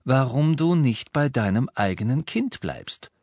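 A man's voice: mid-range voice, lively intonation, a little slow, darkish tone, dry recording, pitched above the performer's own voice. A man voicing a determined, blunt teenage boy wizard in an audiobook, speaking firmly and accusingly.

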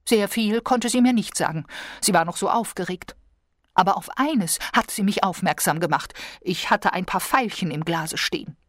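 A woman's voice: medium pitch, normal speed, no room sound, clean studio sound, close to an everyday voice. A woman voicing a fussy, self-pitying invalid wife who complains plaintively.

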